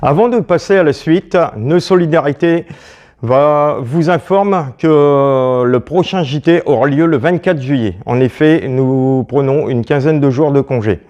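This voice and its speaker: A man presenting a local community news bulletin, halting and hesitant, with many pauses and fillers. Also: a little high, a little mellow, highs cut off.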